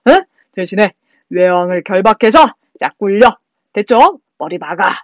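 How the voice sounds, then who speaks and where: A man's voice: high voice, big pitch swings, normal speed, no echo, studio quality. A woman voicing a stern male monk general who bluntly scolds a defeated enemy king, in casual speech inside a lecture. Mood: stern scolding.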